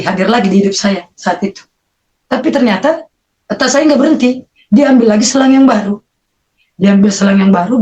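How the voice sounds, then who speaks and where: Guest from Indonesia, emotional testimony, halting delivery, medium pitch. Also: darkish tone, dull audio. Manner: earnest, halting storytelling with frequent fillers. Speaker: interview guest giving a conversion testimony.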